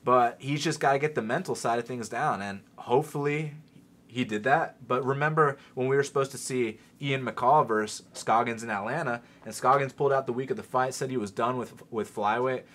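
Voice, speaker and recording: A man hosting a sports betting podcast, talking fast and animated in casual chat, cursing now and then. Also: mid-range voice. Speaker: podcast host.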